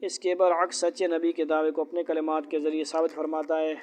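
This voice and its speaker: A male Quran teacher reciting verses quickly and explaining their grammar slowly to a class of students, often asking them questions. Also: on the high side, completely flat delivery, a little mellow. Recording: dull lo-fi classroom recording.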